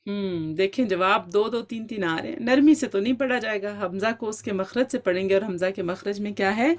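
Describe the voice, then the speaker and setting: Encouraging woman teaching an online Quran class. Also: mid-range voice. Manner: encouraging, quizzes students, mixes English words into Urdu. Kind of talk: online Quran recitation lesson.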